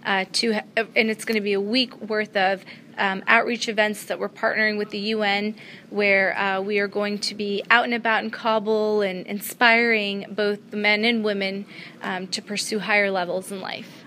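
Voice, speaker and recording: A young woman from Afghanistan speaks as an interview guest, earnest and steady, filling gaps with ums and uhs. Her voice is bright and tense. Faint ambient noise from a convention floor sits behind her. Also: medium pitch, moderate pace. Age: young adult. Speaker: student pilot guest. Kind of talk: interview answers at a trade show.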